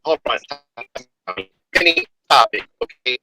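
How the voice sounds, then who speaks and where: A man's voice: a little high, unhurried, slight background noise. Man on a choppy, robotic bad connection. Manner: blunt, excitable, swears freely. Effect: choppy, robotic-sounding bad internet connection. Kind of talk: casual online group chat. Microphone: voice call over the internet. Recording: breaking-up online call audio.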